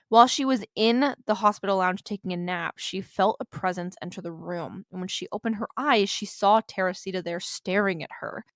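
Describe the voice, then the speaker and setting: A woman's voice: fairly low pitch, a bit bright, dry recording, studio quality. Chatty woman telling a true-crime story. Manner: chatty, swears freely, drops in jokes and asides. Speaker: podcast host.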